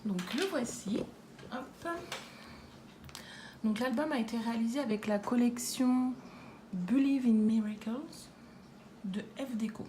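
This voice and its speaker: A woman presenting a handmade scrapbook album in a casual way, pausing often with fillers and restarts. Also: on the high side, mellow, a little hiss or hum. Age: adult with a daughter. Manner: hesitant, many fillers and restarts. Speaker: scrapbooking vlogger. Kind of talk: casual craft show-and-tell.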